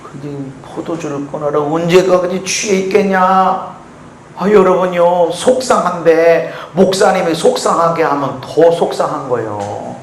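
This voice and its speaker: A man preaching as a pastor, swinging from shouted, emphatic peaks to hushed, almost whispered asides. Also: on the high side, measured pace, a little hiss or hum. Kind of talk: sermon. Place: church sanctuary. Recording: echoey church hall with faint ambience.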